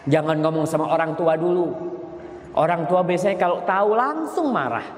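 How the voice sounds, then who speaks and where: A man preaching a sermon, telling a story with lively swings and acting out the voices of the people in it. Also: on the high side, moderate pace. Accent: Indonesian. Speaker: Islamic preacher. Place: large hall with congregation. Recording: echoey hall, faint background noise.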